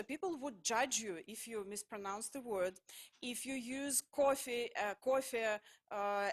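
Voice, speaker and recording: Halting woman. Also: medium pitch, a bit bright. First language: Russian. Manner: halting, full of hesitations and restarts. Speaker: speaker at a public talk. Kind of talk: lecture-style public talk.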